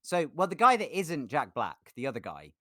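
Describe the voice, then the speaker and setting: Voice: mid-range voice, wildly swooping pitch, normal speed, sharp tone, no room sound, clean studio sound. A live streamer with a Scouse accent, chatting casually and reading chat messages aloud with jokes and laughter. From England.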